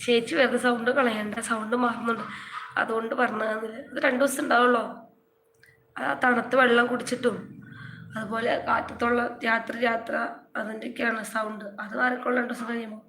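A Malayali woman live-streaming in a casual chat, her voice hoarse and nearly gone, repeatedly coaxing viewers to like and subscribe. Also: a little high, level tone, brisk, bright, forceful tone. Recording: echoey room with faint hiss.

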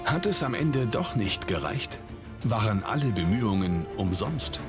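A man's voice: on the low side, big pitch swings, unhurried. A man giving scripted, dramatic voice-over narration for a TV show. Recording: music bed under voice.

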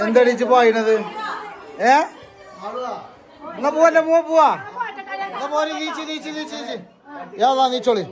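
A man with a Malappuram Malayalam accent, vlogging outdoors at a family gathering and loudly ordering and teasing his relatives. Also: sits high. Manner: loud, bossy and teasing, calling out orders. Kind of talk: casual vlog, herding relatives. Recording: busy crowd noise behind.

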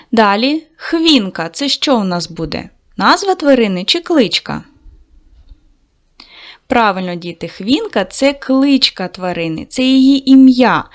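Lively-voiced woman teaching young children. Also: medium pitch. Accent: Ukrainian. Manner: warm, encouraging, speaks slowly to young children. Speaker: primary school teacher. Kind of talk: video lesson for second graders.

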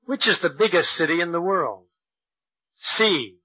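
A man narrating a school English textbook recording, reading each line slowly and with deliberate care for learners. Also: high voice, expressive, pushed and bright, breathy edge, lo-fi sound. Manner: slow, deliberate, over-articulated delivery for learners. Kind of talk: slow, clear textbook reading.

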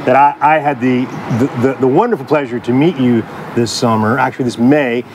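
A man's voice: mid-range voice, brisk, slight background noise. A man hosting a casual interview on an outdoor porch, enthusiastic and often restarting his sentences. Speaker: show host.

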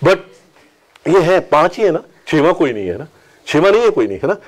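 A man addresses students in a college workshop, mixing Hindi and English. His voice sits a little high, and he acts out short exchanges as he makes his points. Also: sing-song, moderate pace. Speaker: workshop speaker. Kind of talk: motivational talk to students. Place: college hall with an audience.

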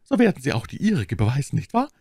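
A man voicing a cold, scheming young noblewoman in a cutting, mocking high falsetto for a read-aloud novel. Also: huge pitch swings, fast talker, creaky, warm tone, slightly rough, no echo, clean studio sound, exaggerated voice. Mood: coaxing, mocking.

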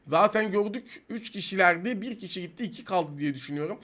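A young man with a high, bright voice talks over his mobile shooter match. He teases his opponents, then bursts into exasperated shouts when a fight turns against him. His commentary runs loose and unscripted throughout. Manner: excitable, swings from teasing to exasperated shouting. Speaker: mobile game streamer. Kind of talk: live gameplay commentary.

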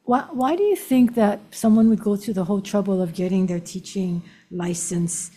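A woman in her sixties chairing a legislative hearing at a desk microphone, questioning in a measured, formal way. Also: medium pitch, warm tone, husky. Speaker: committee chair. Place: hearing room.

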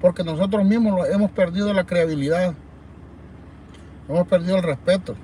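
Parked in his car at night, a livestream host from El Salvador chats animatedly with viewers, wandering from topic to topic and reading comments out loud in his Salvadoran Spanish accent. He talks a little fast in a high, steady, dark-toned voice over a faint hiss or hum.

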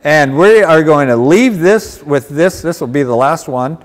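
An easygoing man co-hosts a live detailing class, reading viewer comments aloud and trading jokes with the instructor. His voice sits a bit higher than most men's. A long reverberant tail from the shop hangs on his words. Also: animated, unhurried. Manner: easygoing, joking, laughs often. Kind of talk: casual live-stream chat. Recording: reverberant room.

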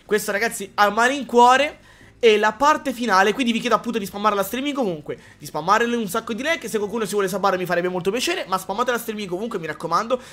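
A man from Calabria, a live streamer reading chat in a rambling, excitable way with crude jokes. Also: high-pitched, fast. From Calabria, Italy.

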